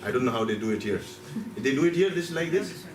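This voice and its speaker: A man's voice: mid-range voice, expressive, fast. A man from India, giving a seminar talk and telling stories to a live audience, asking them questions as he goes. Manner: storytelling, asks the audience questions, acts out his cells. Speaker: seminar speaker. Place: meeting hall. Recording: roomy hall from a distance, faint ambience.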